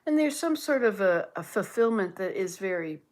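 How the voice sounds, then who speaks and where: A woman's voice: mid-range voice, animated, moderate pace, a little hiss or hum. Rambling woman in her sixties. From Canada. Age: 60s. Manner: rambling, musing aloud, reads comments and answers them. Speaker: livestream host. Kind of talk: casual livestream chat reading viewer comments.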